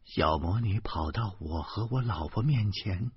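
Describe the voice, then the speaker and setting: A man's voice: deep voice, animated, unhurried, breathy edge, dry recording. A man reading a novel aloud in a dramatic audiobook style, stammering and crying out in the narrator's own lines. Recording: dull lo-fi dry recording.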